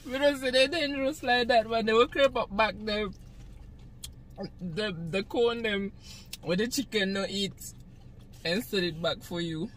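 A woman's voice: fairly high pitch, measured pace. Young woman, Jamaican accent, casual eating-show chat, parked car at night, phone on dash, faint background hiss. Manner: chatty, laughs often while talking. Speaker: vlogger.

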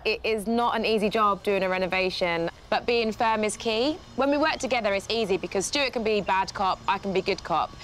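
A woman with a British accent co-hosting a renovation show, advising a homeowner in a brisk, encouraging way. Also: mid-range voice, a bit bright, slight background noise. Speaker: property show co-host.

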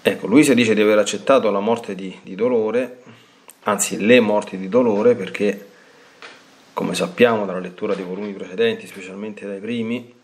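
A priest giving a devotional reading and sermon commentary, measured and slow with pauses. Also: male voice, lowish voice, steady tone.

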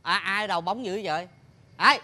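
A man's voice: high-pitched, normal speed, pushed and bright. A man playing a fussy, chatty middle-aged uncle who runs a small eatery in a sitcom. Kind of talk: sitcom acting.

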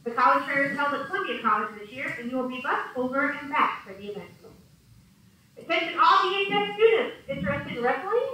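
A high, bright woman's voice reads the school announcements in a steady, scripted way over a PA system. It comes through a distant loudspeaker, echoing around a classroom. The sound is roomy and far off. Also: fairly quick, a little hiss or hum. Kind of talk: reading morning school announcements.

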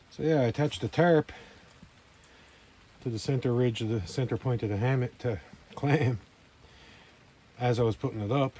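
A man's voice: medium pitch, darkish tone. Easygoing man vlogging outdoors. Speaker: camping vlogger. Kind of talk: casual narration to camera. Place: outdoors at a rainy campsite. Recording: faint outdoor ambient noise.

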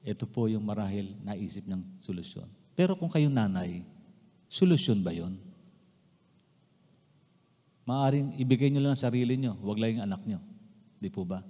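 A man's voice: lowish voice, expressive, moderate pace, pauses often, dark tone. A man from the Philippines, a pastor preaching a sermon to his congregation. He switches between Tagalog and English, repeats key phrases for emphasis and addresses his listeners politely. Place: church sanctuary. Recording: long reverb of a church hall.

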